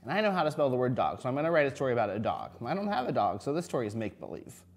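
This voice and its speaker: A man's voice: mid-range voice, sing-song, racing. A man teaching a reading lesson to young children, speaking to them directly with simple questions and sounding out words. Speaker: kindergarten teacher.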